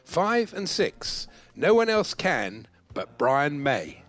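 A man's voice: a little high, big pitch swings, takes it slowly, fairly bright tone, soft background music. A man presenting a radio quiz in a jokey, anecdotal, punning way.

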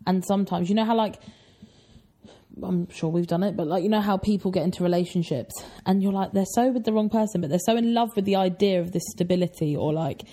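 A woman's voice: mid-range voice, fast talker, mellow. A woman in her twenties co-hosting a podcast, chatting casually and often agreeing with "for sure.". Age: 20s. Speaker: podcast co-host. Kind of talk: casual chat.

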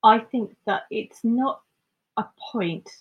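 A woman co-hosting a podcast in casual chat, speaking in a reflective, measured way and agreeing often. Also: fairly high pitch, husky, muffled recording. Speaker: podcast co-host.

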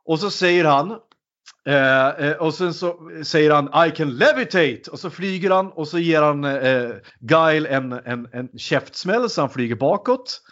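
A man's voice: a little high, a bit bright, highs cut off. A man in a casual chat, animatedly retelling a film with many fillers.

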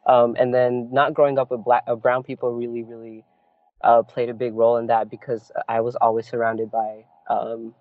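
A Californian poet and activist, appearing as an interview guest, tells his story in a lively, casual way, peppering it with "like" and "right?". His voice is mid-range and moderately paced, recorded dry, with a tinny sound like a phone call.

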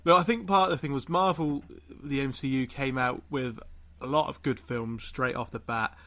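Bright-voiced man chatting on a podcast. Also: mid-range voice, steady tone, normal speed. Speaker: podcast panellist. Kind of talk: casual chat.

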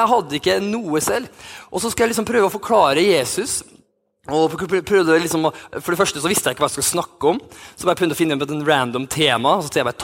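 A man's voice: fairly high pitch, a bit bright. A man in his thirties, a youth pastor, telling a personal story in a sermon with many restarts and fillers. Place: church hall.

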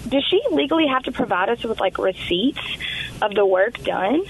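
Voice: medium pitch, expressive, moderate pace, vocal fry, slight background noise. A caller on a phone line asking a radio show a question, hesitant with many fillers. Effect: heard over a phone line.

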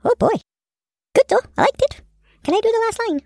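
Squeaky little creature sidekick. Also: male voice, expressive, a little fast, vocal fry, a little mellow, dry recording, studio quality, heavily acted. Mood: perky. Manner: high squeaky voice, perky and eager.

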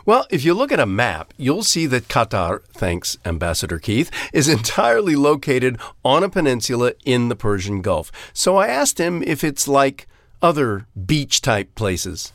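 A man's voice: medium pitch, very animated, moderate pace, dry recording. A man co-hosting a scripted radio feature in an upbeat storytelling manner. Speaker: co-host.

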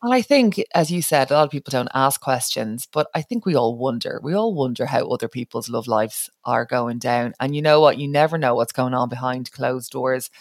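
A woman's voice: a bass voice, a little fast, hardly any pauses, dry recording, clean studio sound. A woman from Dublin with an Irish city accent, hosting a podcast in a chatty, informal style. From Dublin, Ireland. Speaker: podcast host. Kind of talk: casual podcast chat.

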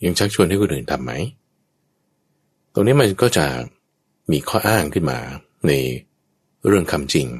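Male Buddhist monk teacher, deep and husky, lively pitch, patient and explanatory. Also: moderate pace, pauses often. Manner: patient and explanatory, briefly acting out everyday speech as examples. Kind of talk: conversational Dharma teaching.

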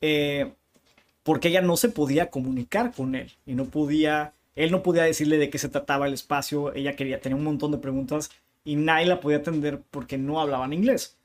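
Chatty northern Mexican man, slightly high voice. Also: brisk. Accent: northern Mexican Spanish. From Tijuana, Mexico. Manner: lively storyteller with slangy asides. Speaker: bookshop owner, interview guest. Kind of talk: casual interview chat.

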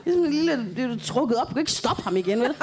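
A woman's voice: high-pitched, animated, a crowd in the background. A woman hosting a podcast, telling a funny story casually, laughing often and swearing. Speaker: podcast host. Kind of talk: comic storytelling.

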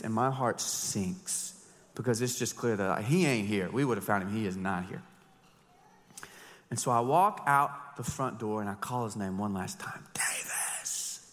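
A man in his thirties, a pastor preaching an animated, joking sermon with emphatic storytelling. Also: a little high, big-room sound. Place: church sanctuary.

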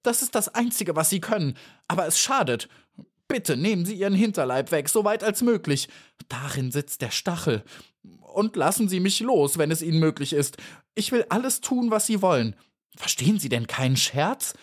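A man's voice: sing-song, normal speed, breathy edge. A man voicing a cheeky, boastful little female housefly in a storybook reading, cocky and dismissive. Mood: panicked pleading. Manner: cocky and dismissive, then shrill and pleading.

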